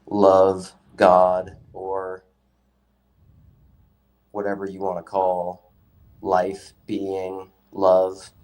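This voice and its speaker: Sick guy w a really low voice talking from the bathtub, all echoey, laid back chat. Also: a little mellow. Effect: echoey sound from a bathtub. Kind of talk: casual chat. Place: bathroom, in a bathtub.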